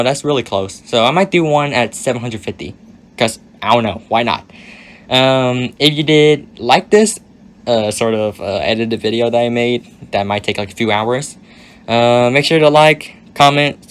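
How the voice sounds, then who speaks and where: A young man with a raspy voice answering viewer questions in a casual, hedging monologue that often trails off. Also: mid-range voice, a bit bright.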